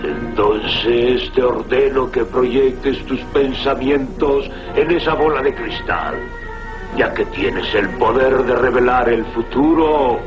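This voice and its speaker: A man's voice: medium pitch, takes it slowly, roomy sound, close to an everyday voice. A man voicing a sinister stage mystic in a dubbed cartoon, solemn and commanding like a seance medium ordering his entranced slave. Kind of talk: dubbed superhero cartoon acting. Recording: dull lo-fi cartoon soundtrack with music.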